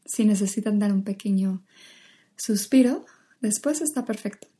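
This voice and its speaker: A woman, an acting teacher leading a guided vocal warm-up, patiently drilling exaggerated syllables. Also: medium pitch, normal speed, husky.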